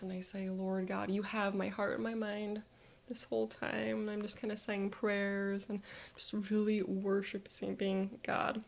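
Softly whispering woman with vocal fry. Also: medium pitch. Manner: soft, reflective, drifting into whispers. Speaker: guided visualization narrator. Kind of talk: narrated guided visualization.

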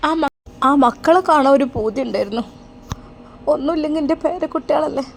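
A woman's voice: sits high, brisk, gravelly, a little hiss or hum. A woman voicing a sorrowful middle-aged mother with a Malappuram accent, who complains in a plaintive tone. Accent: Malappuram Malayalam.

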